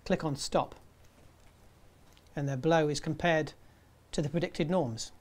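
A man in his fifties presenting a scripted tutorial in a measured, step-by-step way. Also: on the high side. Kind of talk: scripted instructional narration.

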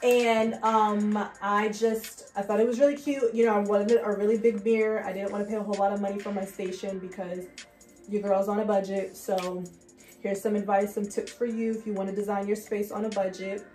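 A woman's voice: mid-range voice, flat delivery, brisk, darkish tone, faint music behind. A young woman giving a casual walkthrough of her small home hair salon, talking to viewers with plenty of fillers. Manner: chatty, addresses viewers as guys, many fillers. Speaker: loctician giving a salon tour.

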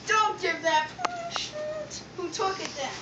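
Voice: very high voice, very animated, slow pace, pushed and bright, exaggerated voice. Woman doing an angry bossy big brother. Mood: furious. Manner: barking threats and demands.

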